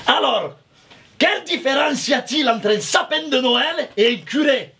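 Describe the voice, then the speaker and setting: An excitable man bantering in a joke challenge, talking as if trying not to laugh. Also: extremely high pitch, normal speed, far from the mic, a little hiss or hum. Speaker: comedy challenge contestant. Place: small treatment room with several people. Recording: busy room with people laughing and chattering.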